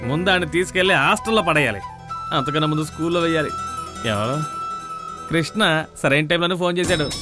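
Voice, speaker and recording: An actor playing a loud, brash friend who mocks and jokes and wants to drink. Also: male voice, fairly high pitch, fast talker, lightly acted. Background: film score music.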